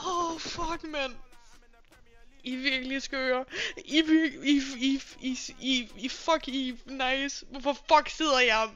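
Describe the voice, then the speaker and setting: High, bright-voiced young woman streamer, teary and laughing. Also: fairly even intonation, highs cut off, slight background noise. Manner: overwhelmed, swearing constantly, laughing through tears. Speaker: livestreamer. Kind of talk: live stream chat.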